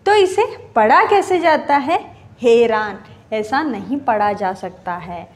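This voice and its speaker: A woman's voice: on the high side, animated, slow pace. A woman teacher giving a grade-school grammar lesson, spelling words out syllable by syllable and repeating each one drawn out.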